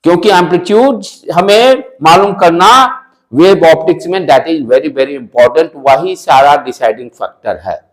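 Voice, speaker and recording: The recording is rough, but this physics teacher's loud voice comes through at a fairly high pitch and a measured pace. He has an Indian accent, asks questions, repeats key phrases and blends in English.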